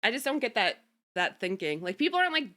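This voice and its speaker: A woman streamer chats casually into a desk mic at home. Her voice is bright and swings widely in pitch, and she giggles often between filler-heavy sentences. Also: sing-song, quick pace. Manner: chatty, giggly, lots of fillers. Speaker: streamer host. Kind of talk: casual chat.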